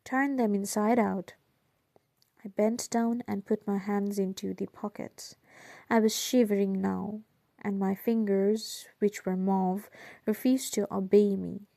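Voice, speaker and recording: Slow, gravelly woman reading a novel. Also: mid-range voice, dry recording. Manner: measured, steady storytelling. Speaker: audiobook reader. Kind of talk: first-person novel narration.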